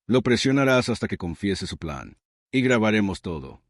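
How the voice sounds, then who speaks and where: A man voicing a calm, scheming male ally. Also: fairly low pitch, normal speed, dry recording, studio quality. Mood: instructive. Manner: confident, instructive.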